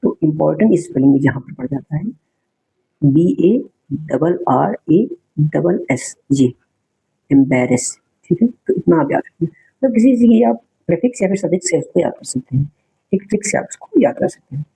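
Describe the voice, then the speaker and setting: A man's voice: fairly high pitch, lively intonation, moderate pace, gravelly, mellow, slightly rough, poor audio. A man teaching an exam-prep spelling lesson, repeating each word, spelling it out letter by letter and explaining its meaning to viewers.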